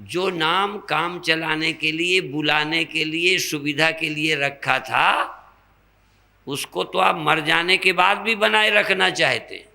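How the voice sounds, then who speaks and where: Slow, gravelly older man preaching. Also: on the high side, bright, forceful tone. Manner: slow, teaching with rhetorical questions and examples. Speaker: swami giving a spiritual discourse. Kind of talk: sermon.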